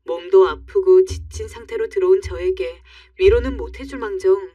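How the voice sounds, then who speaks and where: A woman's voice: medium pitch, normal speed, dark tone, dry recording, recorded from a distance, lo-fi sound. A woman reading a first-person story aloud in a confiding, indignant tone. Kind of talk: scripted story narration.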